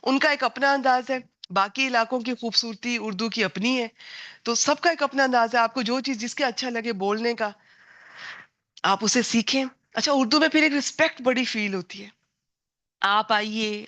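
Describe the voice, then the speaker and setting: A middle-aged woman teacher from Pakistan, raised speaking Punjabi, lectures her class with an earnest, rambling warmth and slips English words into her talk. Her voice is bright and forward. The sound is dry and close, with no room around it. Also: a little high, no room sound, lo-fi sound. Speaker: Quran and Arabic grammar teacher.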